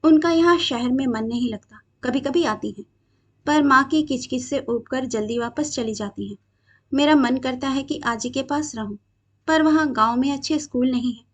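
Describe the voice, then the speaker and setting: A woman's voice: high voice, moderate pace. A woman voicing a troubled, defiant young man who talks in an earnest, aggrieved way.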